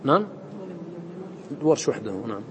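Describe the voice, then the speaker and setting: This man speaks at medium pitch with a sing-song, slightly bright quality and a moderate pace. Teaching a recitation class in a lecture room, he works through a poem step by step and fires short questions at his students. The recording carries hall echo and faint noise.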